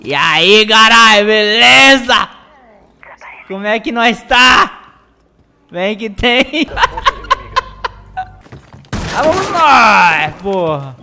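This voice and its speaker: A young man streaming a game from home on a headset mic, excitable, laughing often and swearing heavily. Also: high voice, very slow, vocal fry, long pauses, a little hiss or hum. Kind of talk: live gameplay banter.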